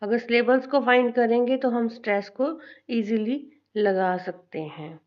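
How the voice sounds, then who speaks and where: Woman teacher, Indian accent, slightly high pitch, spells out letters patiently, dull lo-fi recording. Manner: slow and deliberate, spelling out letters and repeating for students. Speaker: English teacher. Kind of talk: classroom lesson mixing Hindi and English.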